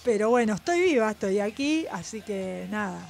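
An Argentine woman co-hosting a radio show, telling a concert story in an animated, chatty way full of quick restarts. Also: mid-range voice, vocal fry, faint music behind. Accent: Argentine Spanish. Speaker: radio co-host and concert reporter. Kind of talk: casual radio chat.

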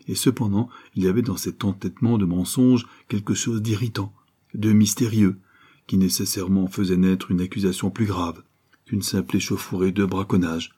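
A man reading a novel aloud in steady, scripted narration. His voice is low and dark, with a husky grain. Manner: steady storytelling. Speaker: audiobook reader.

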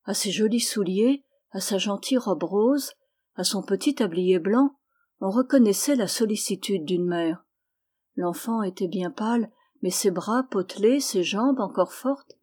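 A woman narrating a classic novel as an audiobook, in a measured, steady storytelling manner. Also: medium pitch.

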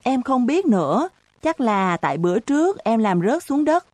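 A woman's voice: fairly high pitch, big pitch swings, normal speed, a little mellow, no echo, voice pushed up. A woman voicing a cheeky, naive little schoolgirl who is stubborn and loves to argue, in a chirpy, innocent questioning tone.

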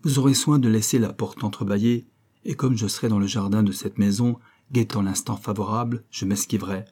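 Audiobook role: a male reader as a determined young painter, firm and urgent, dark-toned. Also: lowish voice, steady tone, brisk, husky. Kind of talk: audiobook character voice.

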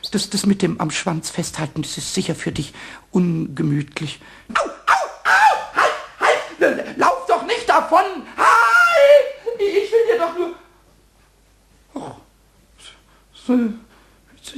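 An actor playing a small, cheeky, excitable male kobold who stammers and giggles in a radio play. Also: high voice, vocal fry, a little hiss or hum, heavily acted.

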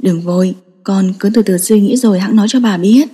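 A woman voicing a loving, patient grandmother who coaxes gently in a soft voice. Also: medium pitch, moderate pace, slightly rough, natural voice. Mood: coaxing. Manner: soft, coaxing. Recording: long reverb.

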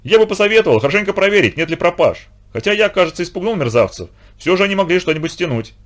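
A man's voice: high-pitched, lively intonation, fast talker, pitched above the performer's own voice. A man doing a panicky, pompous middle-aged musician. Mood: indignant. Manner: shouting in alarm, indignant. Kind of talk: audiobook character voice.

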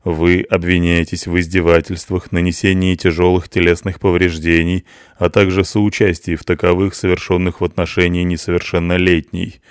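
A man voicing a calm, firm police enforcer in an audiobook, speaking slowly and formally. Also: sits low, clean tone, no echo, studio quality, natural voice.

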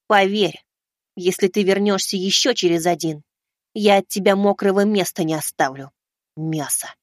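A man's voice: high-pitched, moderate pace, no room sound, studio quality, pitched above the performer's own voice, close to an everyday voice. A man reading an audiobook, voicing a cocky young boy fighter who talks in a taunting, sarcastic way.

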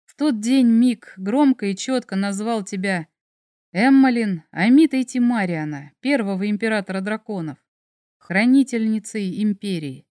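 Teasing dragon emperor in an audiobook, a woman reader doing a lowered male voice, soft and smug, dry booth sound. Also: expressive, normal speed, no echo, lightly acted. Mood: tender. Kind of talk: audiobook character voice.

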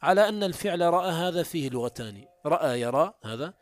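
A man's voice: lively intonation, quick pace, faint music behind. A man teaching Arabic morphology, reading passages from a classical text aloud and explaining them step by step. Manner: pitch jumps up when introducing quotes. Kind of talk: classical text commentary lesson.

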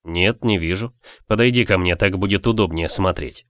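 A man reading an audiobook, playing a calm, tender lord husband in a soft, low voice. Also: moderate pace, dry recording, studio quality. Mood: teasing.

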